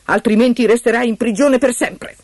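A woman voicing a greedy, stern king in a fairy tale, in a measured and sometimes hushed way, with music playing behind. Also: fairly high pitch, no room sound, pitched above the performer's own voice, lightly acted. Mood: commanding.

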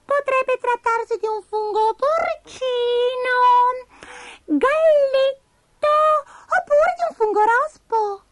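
Woman doing a high sing-song young witch. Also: slow pace, no room sound, clean studio sound. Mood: chatty. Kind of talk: storybook reading.

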